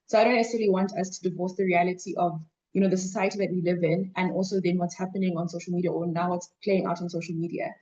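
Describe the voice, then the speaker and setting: A young woman student, from Zimbabwe but raised in South Africa, gives panel remarks hesitantly and with many fillers. Her lowish, darkish voice stays steady while she talks fast, and the audio is dull.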